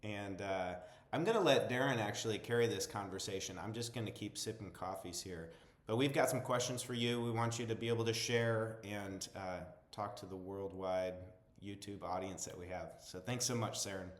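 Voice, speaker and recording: A man's voice: lowish voice, moderate pace. A man hosting a coffee interview show, upbeat and welcoming as he introduces the guest and the coffees. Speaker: show host. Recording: roomy echoey sound.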